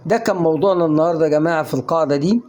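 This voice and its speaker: A man's voice: fairly high pitch, very fast, darkish tone. An Egyptian man teaching English pronunciation in a casual online lesson, coaxing the viewer with questions he answers himself. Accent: Egyptian Arabic.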